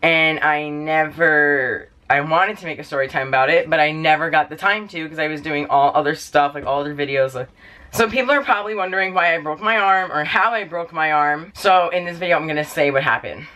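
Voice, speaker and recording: A man's voice: fairly high pitch, a little fast, pushed and bright. A young man tells a casual storytime vlog, rambling and leaning on lots of "like" fillers. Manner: rambling, heavy use of "like" fillers. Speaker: vlogger.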